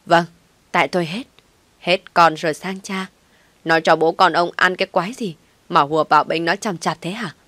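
A woman's voice: fairly low pitch, steady tone, normal speed, a bit bright, no room sound, lightly acted. Woman doing a screaming older mother-in-law. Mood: furious shrieking. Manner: screaming, insulting.

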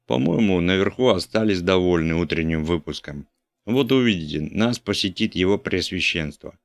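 A man's voice: low voice, lively intonation, moderate pace, vocal fry, no echo. A man reading an audiobook, voicing a fawning priest-editor who stammers when scolded. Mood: scheming. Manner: obsequious, stammering under pressure. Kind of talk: audiobook character voice.

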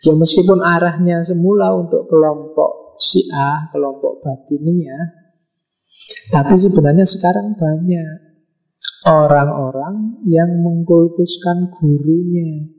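A middle-aged man lectures in a relaxed, conversational way. His voice is mellow and sits a little high. He slips into quoted exchanges as he teaches. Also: takes it slowly, low-quality recording. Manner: conversational, acts out quoted dialogue. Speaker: philosophy lecturer. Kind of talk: casual lecture.

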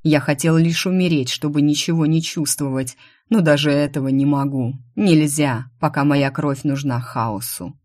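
A woman voicing a possessive male demon lover, speaking slowly and drawing out his words. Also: sits low, steady tone, a little mellow, no room sound, clean studio sound. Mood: anguished. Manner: slow, drawn-out, growling delivery. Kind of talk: audiobook character voice.

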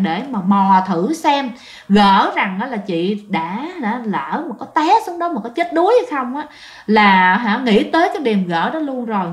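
A woman tells a ghost story in a chatty, casual way, speaking straight to her listeners. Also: fairly high pitch. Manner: chatty, addresses listeners directly, frequent drawn-out particles. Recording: roomy echo.

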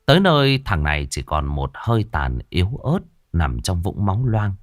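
Man, horror storyteller, grave, low voice, animated pitch, faint background music. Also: moderate pace, dry recording, studio quality. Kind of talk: dramatic horror story narration.

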